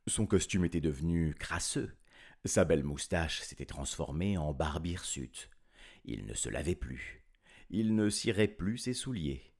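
A man reads a children's story aloud with playful, chuckling energy. His voice is very deep and gravelly. The pitch rises and falls in lively swings.

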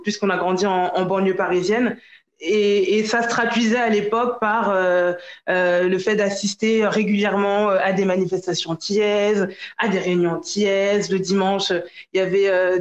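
A woman's voice: medium pitch, echoey room, highs cut off. A woman from France, a podcast guest, talking casually and hesitantly with many fillers. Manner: hesitant, many fillers and restarts, laughs easily. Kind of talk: casual interview chat.

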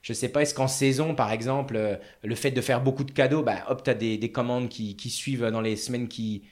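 A man's voice: medium pitch, fairly even intonation, brisk. A man hosting a business interview, asking questions hesitantly and searching for his words.

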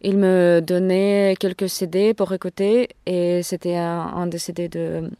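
A woman with a foreign Russian accent in French speaks casually as an interview guest, haltingly searching for words in a language not her own. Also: lowish voice, flat delivery, warm tone, dry recording, studio quality. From Siberia, Russia. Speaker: interview guest, jazz saxophonist.

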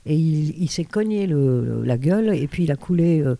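A woman's voice: deep voice, animated, moderate pace, vocal fry, warm tone, no room sound. An older woman, a former radio host, telling rambling stories with many hesitations and restarts in an interview. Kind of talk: anecdotal storytelling.

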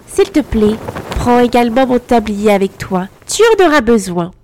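A woman's voice: fairly high pitch, very animated, normal speed, a little mellow, slight background noise. A woman voicing a scheming old woman with a whiny, slightly grating voice in a storybook reading. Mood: wheedling. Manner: sly and cackling.

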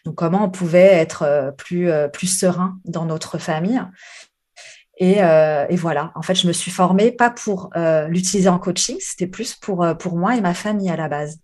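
A woman coach chatting in a podcast interview, her voice sitting a little low. She talks frankly and reflectively, with plenty of hesitations and fillers as she thinks aloud. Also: moderate pace, darkish tone. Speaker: guest, life coach.

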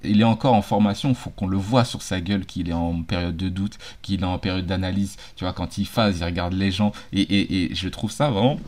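Deep-voiced man chatting about a film. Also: fairly even intonation, fairly quick, few pauses, darkish tone. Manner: hesitant, many fillers and restarts. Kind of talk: casual film discussion.

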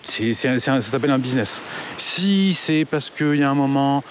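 A man's voice: mid-range voice, expressive, normal speed, slight background noise. A man ranting casually to his audience, blunt and full of swearing and hesitant fillers. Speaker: online business commentator. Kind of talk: casual rant to camera.

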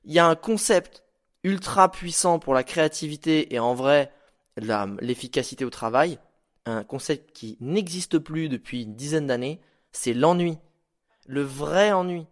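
A man hosting a podcast, giving casual motivational advice in an informal, animated way, with slang and the odd swear word. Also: on the high side, measured pace. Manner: acts out stories with sound effects. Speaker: podcast host.

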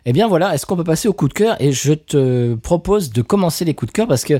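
A man's voice: fairly high pitch, fast, no room sound, studio quality. A man co-hosting a podcast, running the segments and teasing his partner in casual chat. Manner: teasing, lively, animated. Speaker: podcast co-host.

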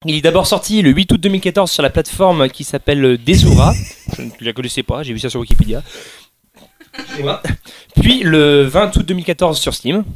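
A man's voice: a little high, animated, brisk. A man hosting a casual chat, explaining things at length with frequent restarts and laughs. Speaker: podcast host presenting a game series.

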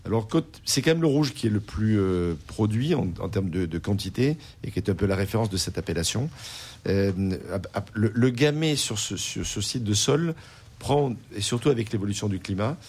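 A man's voice: fairly low pitch, lively intonation, moderate pace, a little mellow, husky. A man who is a sommelier and restaurant owner, explaining wines on a radio show with frequent hesitations and repeated words. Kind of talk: wine talk on radio.

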